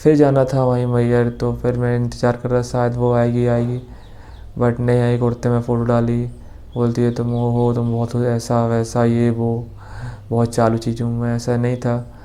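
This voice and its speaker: A man's voice: mid-range voice, completely flat delivery, normal speed, dark tone. A young man casually telling a personal story, rambling with restarts and quoting dialogue. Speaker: vlogger.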